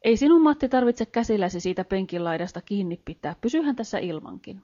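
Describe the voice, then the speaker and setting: Woman reader doing a timid peasant wife, questioning and anxious, mellow tone, dull lo-fi audiobook sound. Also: medium pitch, expressive, natural voice. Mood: curious. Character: timid, wide-eyed peasant wife on her first train ride.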